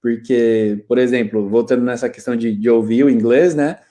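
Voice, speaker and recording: A Brazilian man in his thirties, a guest telling stories in a relaxed, slangy, animated way over a video call. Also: medium pitch, moderate pace. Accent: Brazilian Portuguese. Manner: lively storyteller, slangy, laughs often. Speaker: guest, IT specialist. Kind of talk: casual interview chat.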